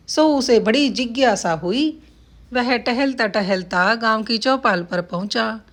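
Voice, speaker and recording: A woman telling a folk story who speaks to her viewers in a friendly, direct way. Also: medium pitch.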